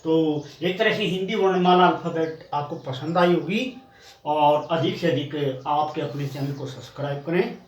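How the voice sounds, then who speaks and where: A man's voice: on the high side, slight background noise. Man teaching pronunciation in an echoey room. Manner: drawn-out repetition of sounds; explanatory, asks and answers own questions. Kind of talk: pronunciation lesson. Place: coaching classroom. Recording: roomy echo, distant mic.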